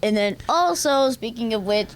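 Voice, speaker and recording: A woman co-hosting an anime show in casual chat, talking like an excited, enthusiastic anime fan. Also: fairly high pitch, normal speed, a little hiss or hum.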